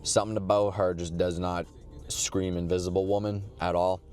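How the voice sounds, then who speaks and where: A man's voice: deep voice, level tone, normal speed, darkish tone, soft background music. A man chatting casually in a rambling, slangy, profane way with a laid-back stoner drawl. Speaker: vlogger.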